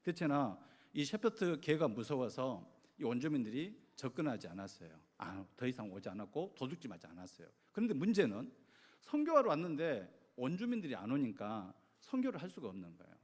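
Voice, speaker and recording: A middle-aged male pastor giving a sermon, telling a story with lively acted-out quotes. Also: medium pitch, a little fast. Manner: animated storytelling, acting out voices in quotes. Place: church sanctuary. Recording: long church hall reverb.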